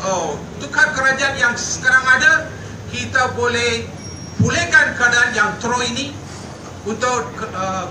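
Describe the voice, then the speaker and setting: Older Malaysian man, earnest and repetitive rally orator, high-pitched, boomy PA sound with street noise. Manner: earnest, emphatic and repetitive, with hesitant fillers. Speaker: rally speaker. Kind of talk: political rally speech. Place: outdoor night rally by a street. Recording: echoey PA sound from far off with traffic noise.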